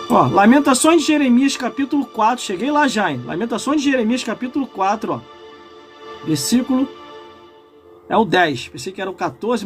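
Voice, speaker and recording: A man in his forties with a Brazilian Portuguese accent, preaching a live-streamed sermon. He swells into impassioned shouts and breaks off for chatty asides to his viewers. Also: very high-pitched. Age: 40s. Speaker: pastor.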